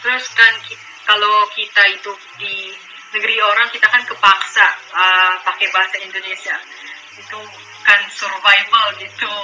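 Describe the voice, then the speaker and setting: A woman's voice: medium pitch, little pitch movement, normal speed, sharp tone, slight background noise, poor audio. A young Filipino woman with a Filipino accent, a foreigner speaking fluent colloquial Indonesian in a casual vlog style. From Philippines. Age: young adult. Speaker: language student making videos.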